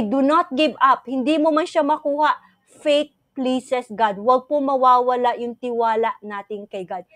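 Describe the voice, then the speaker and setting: A woman with a high, bright voice shares a personal testimony sermon in an earnest, pleading way, acting out her own prayers. The sound is close and dry, with no room around it. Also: no room sound. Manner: earnest, prays aloud in quoted pleas. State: tearful at moments. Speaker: preacher.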